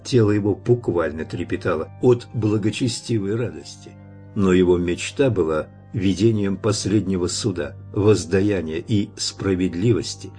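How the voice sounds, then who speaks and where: A man reading a dark fantasy audiobook in measured, dramatic scripted narration. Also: deep voice, faint music behind.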